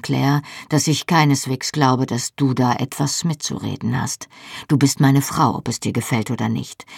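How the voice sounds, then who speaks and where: A reader doing a stern, mocking Scottish husband. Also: male voice, mid-range voice, vocal fry, husky, dry recording, studio quality. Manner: blunt and mocking.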